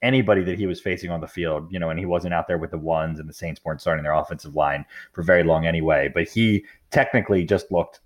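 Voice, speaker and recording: A man's voice: low voice, fast talker, few pauses. A man hosting a casual sports podcast, laid-back and chuckling as he talks. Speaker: podcast host.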